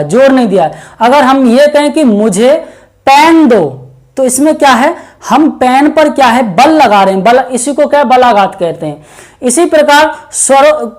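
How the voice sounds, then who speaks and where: Woman, high-pitched, teacher, exam-prep lesson, step-by-step explaining, repeated fillers. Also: darkish tone. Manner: addresses viewers as friends. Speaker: Hindi grammar teacher.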